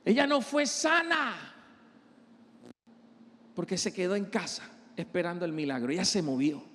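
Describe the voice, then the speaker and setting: A man's voice: high-pitched, animated, normal speed, a bit bright, in a large hall. A male pastor preaching an impassioned sermon and acting out the voices of the people he quotes.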